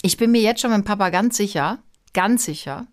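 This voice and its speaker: A woman's voice: medium pitch, moderate pace. A woman in casual chat, a mother who tells stories and teases in playful back-and-forth banter. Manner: teasing, lively storytelling. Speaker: podcast host, mother.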